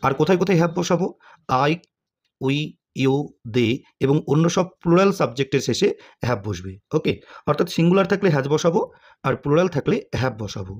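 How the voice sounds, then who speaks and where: A man's voice: fairly high pitch, expressive, fairly quick. A man teaching English grammar to students, asking questions and answering them himself, with frequent "okay?" check-ins.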